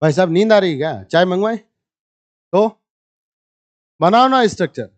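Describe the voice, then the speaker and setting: A man's voice: high voice, very animated, measured pace. A male chemistry teacher lectures a live class. He keeps a teasing, bantering tone with his students. He works through each problem step by step and calls on them for the answers.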